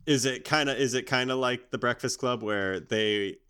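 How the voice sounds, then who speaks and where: A man's voice: mid-range voice, moderate pace, pushed and bright, smooth. A man co-hosting a podcast, telling made-up stories in a loose, joking, slangy chat. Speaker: podcast co-host. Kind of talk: casual improv storytelling chat.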